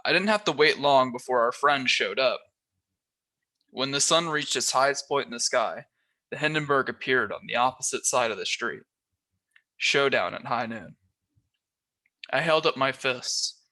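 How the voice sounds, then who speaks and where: Reading a children's novel as a volunteer, a man with a mid-range voice tells the story in a lively way, shifting his voice a bit for the characters. He keeps a measured pace and takes long pauses.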